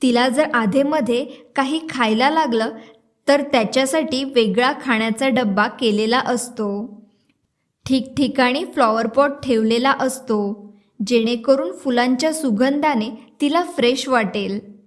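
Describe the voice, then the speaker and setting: A woman narrating a romance audiobook in an even storytelling manner. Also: sits high, a little slow.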